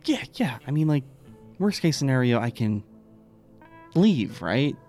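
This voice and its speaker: A man's voice: mid-range voice, very animated, a little slow, darkish tone, faint music behind. A man narrating as game master, hesitant and full of fillers.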